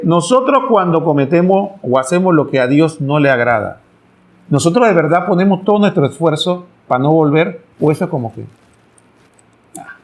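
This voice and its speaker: A middle-aged man with a notably high voice gives a catechetical talk to pilgrims. He asks the audience rhetorical questions and slips into short acted dialogues. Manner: acts out family dialogues with pleading voices.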